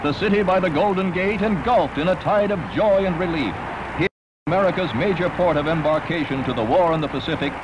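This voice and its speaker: High-pitched old newsreel announcer man. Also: fairly quick, muffled recording, background noise. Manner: dramatic, punchy announcer delivery. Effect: old newsreel narration. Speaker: newsreel narrator. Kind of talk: 1940s newsreel narration.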